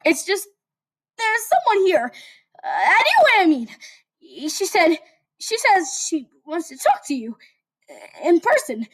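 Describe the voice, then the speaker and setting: Lady doing a squeaky nervous boy, sputters and whines, high and fidgety. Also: huge pitch swings, a little slow, long pauses, exaggerated voice, low-quality recording. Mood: flustered. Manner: sputtering, stammering. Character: nervous whiny young male hero.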